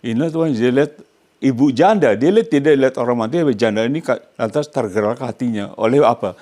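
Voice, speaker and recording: Delivering a sermon, an older pastor from Indonesia speaks fast with a dark tone and a mid-range voice in his Indonesian accent. He is emphatic and keeps asking the congregation questions to finish his phrases.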